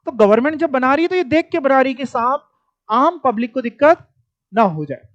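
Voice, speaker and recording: A man's voice: high voice, no echo. Male lecturer, dull dry audio. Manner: conversational, mixes English terms, teasing asides to students. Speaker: teacher. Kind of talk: classroom lecture.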